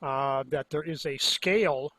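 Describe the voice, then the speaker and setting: A man's voice: a little high, measured pace, sharp tone, no echo. A man joining a casual study group discussion on a video call, making brief, hesitant remarks.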